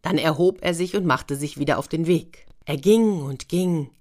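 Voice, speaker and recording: A woman storyteller with a low-pitched voice reads a children's tale aloud. She is lively and speaks directly to her young listeners. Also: normal speed.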